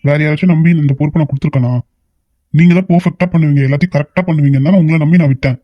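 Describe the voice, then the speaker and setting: A man voicing a stern, quick-tempered male shoot manager in an animated short, firing off exasperated questions. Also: on the high side, dry recording, muffled recording, lightly acted. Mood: scolding. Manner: rapid, scolding, exasperated questions. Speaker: shoot manager scolding staff. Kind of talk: Tamil animated short voice acting.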